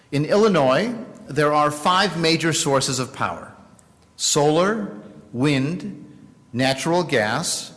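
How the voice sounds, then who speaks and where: A man in his late forties giving a sermon as a rabbi, measured and wry, with dry jokes. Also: on the high side, fairly bright tone, in a large hall.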